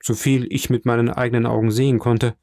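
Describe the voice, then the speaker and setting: A man reading the part of a young, dutiful ship's first mate in an audiobook, brisk and polite. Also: mid-range voice, little pitch movement, darkish tone, no echo, clean studio sound, natural voice.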